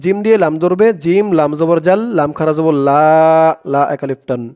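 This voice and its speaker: A man with a Bangladeshi Bengali accent teaching the Quran word by word. He draws out slow recitation and gives quick spoken explanations in between. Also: fairly high pitch, a little mellow, clear, resonant tone.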